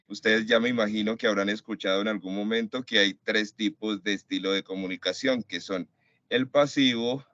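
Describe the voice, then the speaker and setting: A man's voice: lowish voice, fairly bright tone, no room sound. A man teaching a web conference class, explaining to his students and addressing them directly. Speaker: lecturer. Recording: dry, dull lo-fi call audio.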